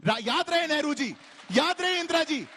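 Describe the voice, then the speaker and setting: A man's voice: very high-pitched, expressive, moderate pace, bright, forceful tone, slight background noise. A man arguing as a party spokesperson in a heated televised debate, combative and rhetorical, talking over his opponents.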